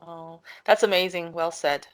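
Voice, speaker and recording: A woman's voice: on the low side, steady tone, normal speed. Encouraging woman interview host. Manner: warm, encouraging, laughs often. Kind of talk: casual interview.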